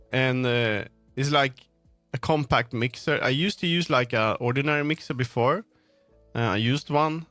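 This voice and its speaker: Music runs in the background as a man chats casually on his livestream about tech gear, cursing frequently. His mid-range voice has a fairly bright tone. There is no room sound, and the audio comes through a streaming microphone on a sound card.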